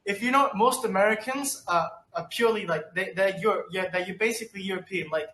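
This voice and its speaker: A man chatting casually on a podcast, agreeable and quick to chime in with "exactly" and "no way". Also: high voice, pushed and bright. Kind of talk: casual chat. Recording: echoey room with faint background noise.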